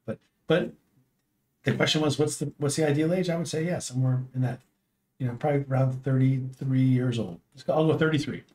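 A man's voice: medium pitch, fairly quick, a little mellow. A man in his fifties chatting casually as a podcast guest, rambling and restarting sentences, in a home room on a desk mic. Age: 50s. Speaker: podcast guest, host's father. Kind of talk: casual chat.

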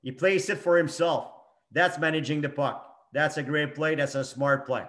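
A man's voice: a little high, steady tone, moderate pace, a bit bright. A middle-aged hockey coach talking through game clips in short, emphatic phrases and repeating his key points. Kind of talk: coaching talk over game video clips.

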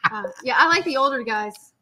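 A woman's voice: high voice, lively intonation, brisk, a crowd in the background. A woman chatting casually and giggling as she talks. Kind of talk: casual chat.

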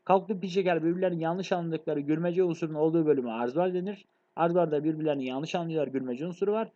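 Fast-talking man teaching a review lesson. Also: a little high, dark tone, dull audio. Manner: fast, addresses students as friends, frequent checks. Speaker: literature teacher. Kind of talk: exam review lecture.

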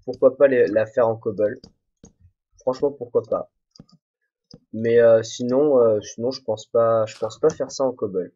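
With a dark, breathy medium-pitched voice, a young let's play host speaks at a measured pace and pauses often. He rambles and mocks himself while playing alone, captured through a desk mic, no headphones, in a dull, muffled home setup.

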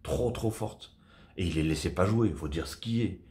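Deep-voiced man chatting about football. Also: normal speed, mellow. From Portuguese heritage. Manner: chatty, repetitive fillers, enthusiastic. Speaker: football vlogger. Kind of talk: casual match debrief to camera. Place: small room at home, indoors.

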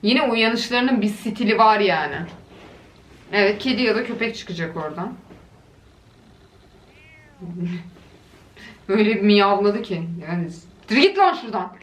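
A woman's voice: medium pitch, a little slow, pauses often. A woman giving casual reaction commentary on funny videos, chatting and cooing doting exclamations at what she watches. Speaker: video creator. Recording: echoey room with faint noise.

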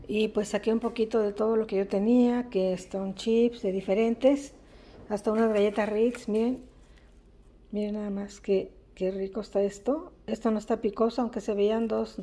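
A woman hosting a casual home cooking demonstration, chatting in a homely, unhurried way in an indoor kitchen. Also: on the high side, mellow. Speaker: host of a home cooking channel. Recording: faint-to-clear background noise, home kitchen.

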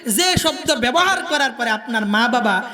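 High singsong preacher, man, Jamalpur accent. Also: lively intonation, moderate pace, big-room sound, a crowd in the background. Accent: Jamalpur Bengali. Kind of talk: sermon.

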